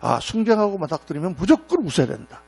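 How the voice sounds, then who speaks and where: A man's voice: high voice, quick pace, creaky, slightly rough. A middle-aged male pastor preaching a sermon in a church, telling stories and acting out the quotes. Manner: storytelling with acted-out quotes, animated. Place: church sanctuary. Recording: mains hum.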